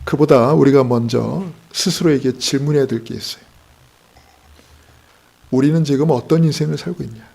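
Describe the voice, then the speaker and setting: A pastor delivers a Sunday morning sermon in a gravelly, fry-edged, middle-pitched voice that's a little mellow, speaking at normal speed with frequent pauses. He asks his congregation rhetorical questions and weaves in joking stories.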